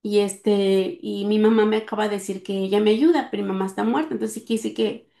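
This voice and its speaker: A woman's voice: mid-range voice, steady tone, fairly quick, gravelly, dark tone, roomy sound. A middle-aged woman earnestly telling a personal story, with many fillers along the way. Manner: earnest, speaks with frequent fillers. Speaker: guest sharing testimony.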